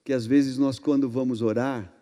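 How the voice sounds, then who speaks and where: Emphatic Brazilian pastor in echoing hall. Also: male voice, medium pitch, fairly even intonation, moderate pace. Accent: Brazilian Portuguese. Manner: emphatic, swinging between loud and hushed. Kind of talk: sermon. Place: church hall. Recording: long reverb in a church hall.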